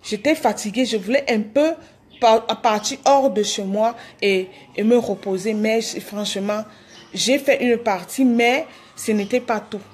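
A woman's voice: fairly high pitch, unhurried, a little mellow. A woman on a phone live stream, pleading with her followers, repeating herself with hesitant restarts. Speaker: livestreamer addressing her followers. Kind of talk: live video apology.

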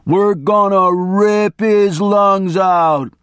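A wild, frantic attorney played by a man reading an audiobook, shouting in a raised, swooping voice with lots of movement. The sound is close and dry. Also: on the high side, expressive, a little slow, no echo, voice pushed up. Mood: manic shouting. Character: manic adult male attorney, frantic and raving.

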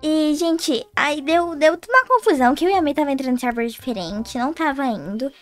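A woman's voice: high-pitched, expressive, fairly quick, soft background music. A woman with a Brazilian Portuguese accent hosting casual gameplay commentary, chatting to her viewers. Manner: chatty, keeps addressing viewers as "gente". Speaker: gaming channel host.

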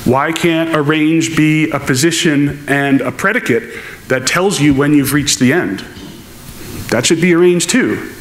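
This conference speaker has a somewhat high voice and takes his time. Standing on stage in a big lecture hall during a technical keynote, he responds to questions from the audience in a considered, explanatory way, with echo and faint noise in the background.

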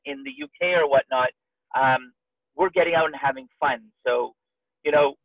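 A man co-hosting a webinar, giving an upbeat, persuasive motivational pitch and asking his listeners questions. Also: no echo. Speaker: webinar co-host. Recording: dry, tinny call audio.

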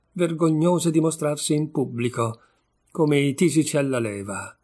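Read by a man with a gravelly, husky voice, a disgraced young man talks with bitter, sardonic irony. Mid-pitched and worn, he mocks himself and everyone around him. Audiobook storytelling. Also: darkish tone. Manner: ironic, wry, bitter. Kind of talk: audiobook reading of a short story.

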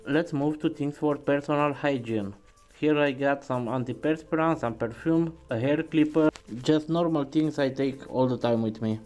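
A man, a truck driver, narrating a voice-over in a plain, steady way as he lists what he packs for the road. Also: on the high side, moderate pace, faint music behind, rough recording. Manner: plain, steady listing of items.

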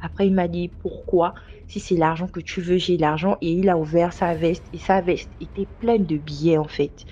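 A young woman casually recounting a personal night-out story, animating the voices she quotes. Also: normal speed. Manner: lively, acts out quoted voices with big pitch jumps. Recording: slightly dull lo-fi sound.

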